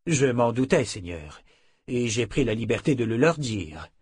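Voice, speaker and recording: A man's voice: medium pitch, very animated, moderate pace, a little mellow, husky, no echo, studio quality. A man voicing a dutiful male officer who reports deferentially to his lord in an audiobook.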